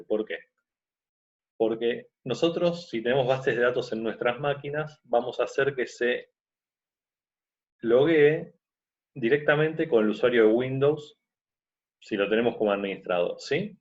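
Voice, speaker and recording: A man teaching a screen-recorded software course, explaining step by step and often checking in with his listeners. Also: mid-range voice, dull audio. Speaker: course instructor.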